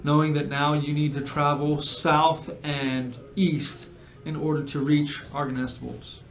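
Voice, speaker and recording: A man with a fairly high voice narrates a tabletop game as its game master, stopping now and then to correct himself. The room around him is echoey, and music plays faintly behind his voice. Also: flat delivery, fairly bright tone. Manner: slow descriptive narration with frequent self-corrections.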